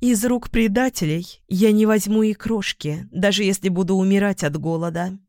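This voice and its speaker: A woman's voice: medium pitch, a little slow, dry recording, studio quality, lightly acted. A woman voicing a young woman possessed by a demon, haughty and cruel, who turns scornful or sugary in an audiobook. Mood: furious, scornful. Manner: scornful, shifting to sugary flattery.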